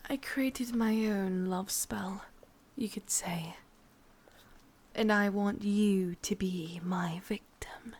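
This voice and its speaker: A woman with an English accent performs an intimate, menacing ASMR roleplay as a sadistic, possessive, vain witch, speaking in a breathy whisper. Her medium-pitched voice is slow and a little mellow, with a possessive, wistful mood.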